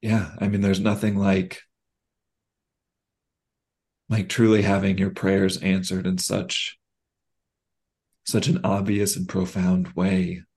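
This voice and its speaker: Low-voiced man, casual podcast talk, candid and halting, lots of ums and restarts. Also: flat delivery, a little mellow. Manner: halting, frequent fillers and restarts; candid and reflective.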